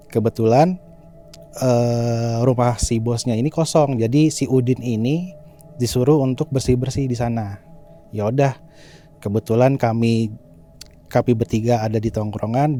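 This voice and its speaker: A man's voice: medium pitch, dark tone. A man, casually retelling a horror story with slangy fillers. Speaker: guest storyteller.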